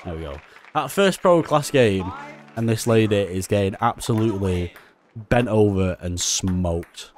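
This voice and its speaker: A young man giving casual gameplay commentary, excitable and swearing often, with frustrated outbursts. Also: lowish voice, measured pace, slight background noise. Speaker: gaming YouTuber.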